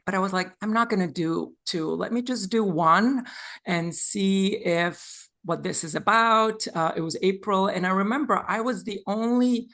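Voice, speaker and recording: A man from Serbia in his forties, giving thoughtful, measured interview answers as a Reiki practitioner. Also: sits high, bright, forceful tone.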